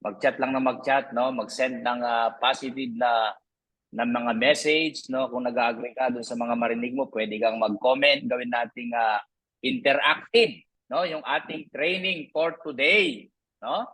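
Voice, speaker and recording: A man in his thirties hosting a live online sales training, upbeat and chatty, who keeps tagging his sentences with a quick "no?", heard through an online meeting microphone. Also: mid-range voice, steady tone, a bit bright, husky, rough recording.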